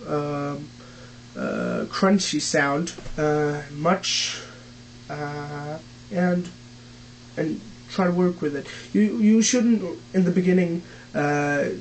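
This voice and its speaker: Slow, hesitant young man, non-native English. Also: a little high, a little hiss or hum, low-quality recording. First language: not English. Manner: halting, many fillers and restarts, non-native phrasing. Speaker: vocal technique teacher. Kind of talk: casual home tutorial.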